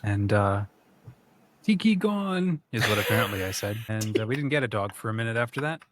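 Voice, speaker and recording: A man's voice: lowish voice, fairly even intonation, quick pace, a bit bright. New man telling rambling stories. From New Zealand. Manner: rambling nostalgic storytelling. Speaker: podcast co-host. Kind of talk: casual chat.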